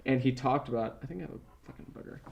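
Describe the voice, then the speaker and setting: A man's voice: mid-range voice, very fast, creaky, lo-fi sound, a crowd in the background. A man co-hosting a podcast, rambling in casual chat and swearing freely. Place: podcast studio.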